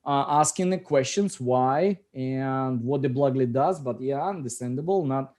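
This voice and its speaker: Unhurried and darkish, with a medium pitch, a middle-aged man speaks with a Russian accent while hosting a casual video call about his app. The founder often fumbles for the right words.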